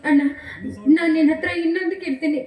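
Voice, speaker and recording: A woman's voice: very high-pitched, fairly even intonation, fast, a little mellow. A woman acting a loving young sister about to marry in a melodramatic stage play, pleading and emotional. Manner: pleading, emotional, laughs through tears. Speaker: actor. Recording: echoey stage sound from far off, with music. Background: music.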